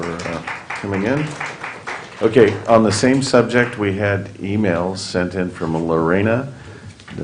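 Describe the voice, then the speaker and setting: A man chairing a county board meeting, reading out names in a brisk, procedural way. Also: low voice, slight background noise.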